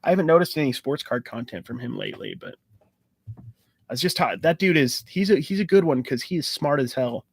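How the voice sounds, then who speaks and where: Hosting a casual live-stream Q&A for his sports card channel, a man talks in a loose, rambling way full of fillers and restarts, clearly excited about hunting for cards. His voice is fairly high, very animated and brisk, with a gravelly, slightly rough texture.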